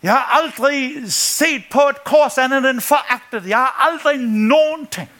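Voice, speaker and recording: Animated high-voiced male preacher. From Denmark. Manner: animated, acts out voices in his stories, laughing often. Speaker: pastor. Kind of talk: sermon with storytelling.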